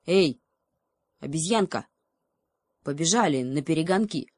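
A woman voicing a boastful, greedy male cheetah who shouts and growls in desperation. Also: deep voice, animated, unhurried, no room sound, studio quality. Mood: desperate shouting.

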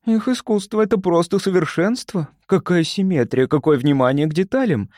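Man doing a brisk woman scientist: emphatic, higher voice, lively. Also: no echo, studio quality. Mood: admiring. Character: brisk, bossy woman scientist, easily impressed. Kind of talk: audiobook character voice.

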